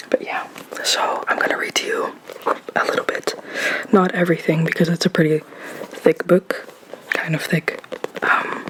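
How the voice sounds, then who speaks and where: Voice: mid-range voice, poor audio. Rambling close-mic ASMR whisperer. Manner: rambling, giggly, stumbling over words. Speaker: ASMR channel host. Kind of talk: ASMR whispering and soft-spoken talk. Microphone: close microphone covered with a sock.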